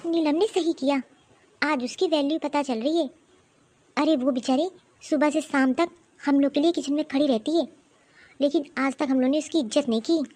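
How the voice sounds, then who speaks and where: A woman's voice: sits high, moderate pace, darkish tone, close to an everyday voice. A woman voicing a fussy older mother-in-law. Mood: regretful. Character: older mother-in-law, doting then regretful. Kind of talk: cartoon voice acting.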